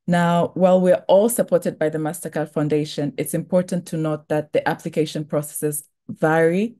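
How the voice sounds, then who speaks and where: A young woman from Tanzania gives a webinar presentation on a scholarship program. Her voice sits low and mellow, and she talks in a measured way, often pausing on "um" and "uh". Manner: measured, with frequent "um" and "uh" fillers.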